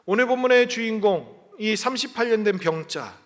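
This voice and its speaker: A man's voice: high-pitched, animated, normal speed, fairly bright tone, in a large hall. A male pastor giving a Sunday sermon in a conversational storytelling way, acting out little dialogues. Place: church sanctuary.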